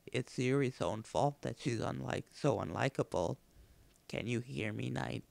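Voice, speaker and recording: A man voicing a glitched, obsessive girl from a visual novel in a flat robot voice. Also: medium pitch, a little slow, creaky, dry recording, voice pushed down. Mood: cold menacing.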